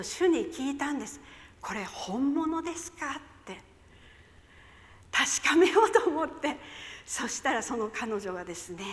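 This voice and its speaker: A woman giving an emotional sermon testimony, dramatic and swinging from hushed tones to loud outbursts. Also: high-pitched. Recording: long hall reverb.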